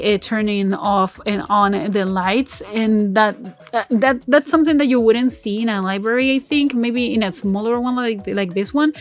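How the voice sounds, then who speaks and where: A woman whose first language is Spanish makes building-game videos and gives casual voice-over commentary in a mid-range voice. She rambles through her choices with fillers and self-corrections, often laughing at herself.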